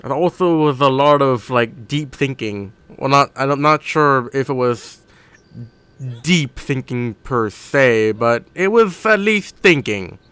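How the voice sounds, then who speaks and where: A man chats through a live game stream with a bright, clear voice that sits a little high. He talks slowly and rambles, thinking out loud and stopping to correct himself. The sound is close and dry, with no room in it. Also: lively intonation, no room sound. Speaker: gaming streamer. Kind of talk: casual live-stream commentary while gaming.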